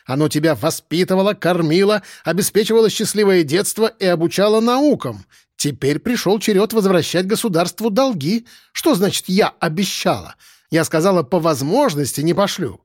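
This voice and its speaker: A man's voice: a little high, no echo, clean studio sound, pitched above the performer's own voice. A man reading an audiobook voices a domineering, bellowing middle-aged woman who runs a factory office and scolds her staff.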